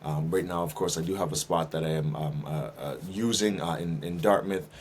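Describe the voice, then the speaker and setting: A man, a minister and detailing business owner, speaking as a guest in a casual interview, thoughtful and filling pauses with um and uh. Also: low voice, a little mellow, slight background noise. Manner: thoughtful, many fillers and restarts.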